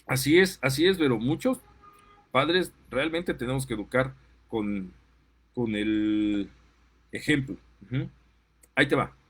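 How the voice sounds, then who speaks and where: A man's voice: mid-range voice, unhurried, long pauses, a bit bright, slightly rough. Indignant Mexican man ranting. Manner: indignant, gets worked up, apologizes for outbursts. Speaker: parent and commentator. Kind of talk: impassioned monologue.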